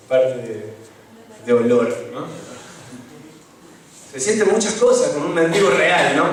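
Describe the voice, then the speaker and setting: Speaking in a church hall, this young man, a lay preacher with a Rioplatense Spanish accent, keeps his sermon informal and conversational, peppering it with tag questions and direct questions to the people listening. His pitch is on the high side and there's a touch of hiss or hum. It was recorded from afar, with plenty of church echo.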